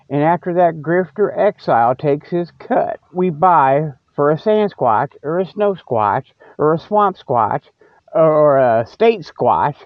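Delivering a comic report, a man with a slightly high voice rambles in a folksy, easygoing monologue and says things more than once. The recording sounds flat, dry and low-fidelity.

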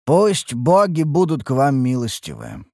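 A man's voice: medium pitch, wildly swooping pitch, measured pace, vocal fry, a little mellow, no echo, clean studio sound, exaggerated voice. A man voicing a skeptical, grave middle-aged innkeeper in an audiobook. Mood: doubtful.

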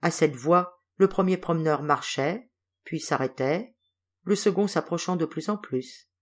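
A woman reading a classic novel aloud as an audiobook narrator, with a measured, expressive delivery. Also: on the low side. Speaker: audiobook reader.

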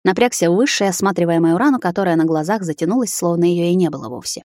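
A woman reading a romantic fantasy novel aloud in the first person, soft and even. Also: fairly low pitch, quick pace, no room sound, studio quality. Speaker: audiobook reader. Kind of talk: scripted first-person narration.

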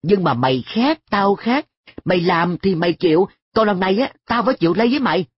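A reader voicing an earnest schoolboy who scolds his friend in sharp, exasperated questions, in a story reading. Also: medium pitch, lively intonation, moderate pace, slightly rough, muffled recording, pitched above the performer's own voice. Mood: scolding. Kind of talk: audiobook dialogue.

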